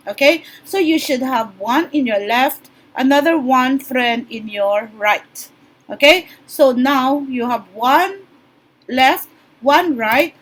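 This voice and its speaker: A woman presents a business opportunity in an instructional way. Her voice is high and her delivery is slow and deliberate. She repeats key points and punctuates them with short check-in tags. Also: poor audio. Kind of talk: explanatory sales presentation.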